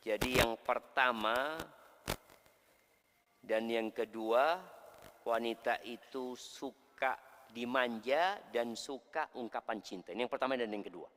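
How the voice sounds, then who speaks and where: A man preaching a sermon to a congregation, speaking lively and acting out the voices he quotes. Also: mid-range voice, slow, pauses often. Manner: lively, addresses listeners as "antum", acts out quoted voices. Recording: long hall reverb.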